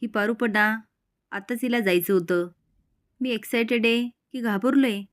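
Excitable, blunt young man read by a woman, hot-headed and exasperated. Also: on the high side, moderate pace, close to an everyday voice.

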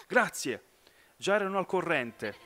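Excitable man narrating a game. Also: on the high side, a little slow. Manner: excitable, talks to viewers constantly. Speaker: gaming let's-play host. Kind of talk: excited casual gameplay commentary.

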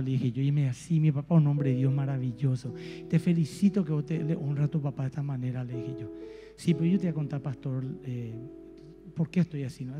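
A man with a Paraguayan Spanish accent preaching a sermon, telling a story and swinging between soft and emphatic delivery. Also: sits high. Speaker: pastor. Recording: reverberant church hall with faint music.

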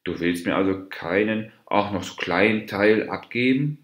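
Brief: a man playing a crafty storybook monkey, wheedling and false-friendly, raised and lively pitch, roomy sound. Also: measured pace. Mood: sly. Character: sly scheming male monkey, fable trickster. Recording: roomy echo.

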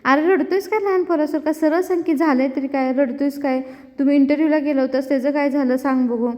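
Woman doing bossy middle-aged mother, scolding, insistent, high voice, muffled. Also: fairly even intonation, quick pace, big-room sound, close to an everyday voice.

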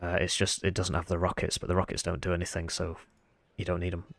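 A man with a croaky, froggy voice, sounding unwell, giving casual game commentary as he thinks aloud. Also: low-pitched, completely flat delivery, fast talker, dry recording. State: under the weather, sick voice. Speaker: gaming video host.

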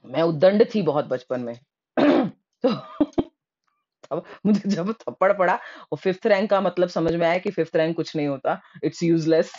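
A woman from Rajasthan telling her own childhood memories in a lively, animated way, slipping English words into her speech. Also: fairly low pitch, normal speed, highs cut off. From Rajasthan, India. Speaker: storyteller. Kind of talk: personal storytelling.

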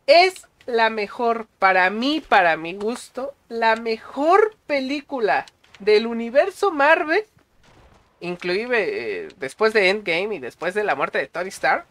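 Mexican guy streaming a film review, high voice, slangy and excitable, swears freely. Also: slow. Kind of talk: casual movie review stream.

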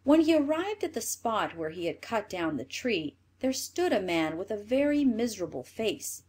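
A woman reading a fairy tale aloud in an expressive storybook manner. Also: medium pitch, moderate pace, slightly rough.

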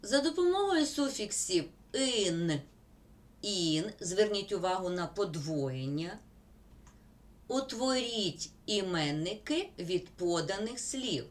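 Woman teacher w going slow thru grammar examples, voice goes up and down a lot. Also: medium pitch. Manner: slow, deliberate dictation of word examples. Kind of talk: school grammar lesson.

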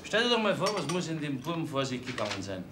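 An actor playing a shrewd middle-aged detective, speaking in a folksy, dry way. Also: male voice, fairly high pitch, sing-song, fast, noisy background. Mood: grumbling. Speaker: police detective.

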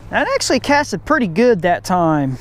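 A man's voice: high-pitched, sing-song, moderate pace. Man filming a fishing outing. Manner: coaching a child, encouraging. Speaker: fishing vlogger. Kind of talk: casual outdoor fishing vlog. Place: outdoors by a pond and creek. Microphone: head-mounted action camera.

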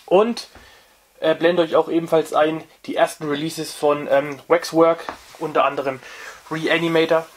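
Halting man reviewing records at home. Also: a little high, level tone. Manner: halting, many fillers and restarts. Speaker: vinyl review channel host. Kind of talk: casual product review.

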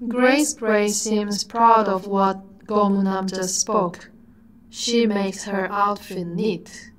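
A woman giving scripted narration in a slow, dreamy way that sometimes drops to a whisper. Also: medium pitch, steady tone, poor audio.

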